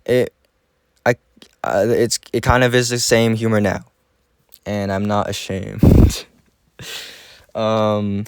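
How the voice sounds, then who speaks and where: A young man talks through his old video in a rambling, self-mocking way. His voice is smooth and clean, and the room is dry and close, with no echo. His pitch sits fairly low. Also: little pitch movement, slow, long pauses, a little mellow. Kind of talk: casual commentary. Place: room at home.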